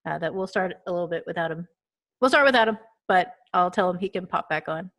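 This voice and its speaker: A woman's voice: lowish voice, animated, fast, fairly bright tone. A woman from Texas hosting a casual podcast chat, chatty and giggly with many fillers. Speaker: podcast host.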